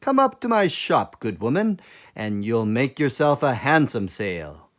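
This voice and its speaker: Man voicing an animated, boastful little tailor. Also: medium pitch, measured pace. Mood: eager, hailing. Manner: exclamatory, self-important. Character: eager, boastful little male tailor in a fairy tale.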